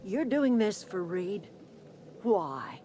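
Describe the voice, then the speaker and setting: A woman playing a proud, defiant old grandmother in a video game, with a folksy, dry, sharp-tongued manner. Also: medium pitch, very animated, very slow. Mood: defiant, persuasive. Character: proud, defiant old grandmother leading a settlement, wryly sardonic. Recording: game music behind the voice.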